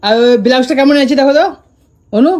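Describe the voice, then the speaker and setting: A woman's voice: sits high, a little fast, darkish tone. A woman coaxing and teasing playfully as a vlog host in casual family banter.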